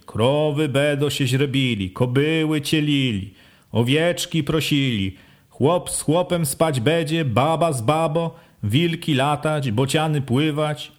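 A man voicing an old, pious wandering beggar who talks slowly and gravely. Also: a little high, expressive. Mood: warning.

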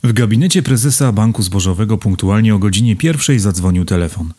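A man reading a novel aloud as audiobook narrator, in a measured storytelling manner. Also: on the low side, animated, mellow, husky, soft background music. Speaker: audiobook reader.

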